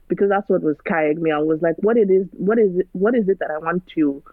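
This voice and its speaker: A woman with a lowish voice talks fast as a guest in a casual chat, the recording dry and narrow like a phone line. She speaks earnestly, grows preachy and fires off rhetorical questions.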